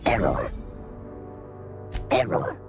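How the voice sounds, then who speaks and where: An actor voicing a malfunctioning male worker robot through a glitching robotic filter, halting and repeating error messages in broken fragments. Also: very deep voice, very animated, gravelly, music in the background, heavily acted. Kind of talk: video game voice acting.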